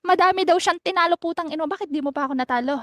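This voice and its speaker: A high-voiced woman trading barbs in a freestyle insult battle, recorded dry and close. She taunts her opponent with a steady stream of curses and mocking questions, her voice pushing hard. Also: rapid-fire, no room sound. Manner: aggressive, taunting, heavy cursing. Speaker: battle rapper.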